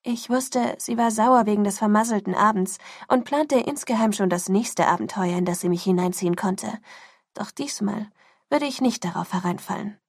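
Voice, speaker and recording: A woman reading a first-person story as audiobook narration, sinking into a hushed whisper at tense moments. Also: medium pitch, moderate pace, no room sound, clean studio sound.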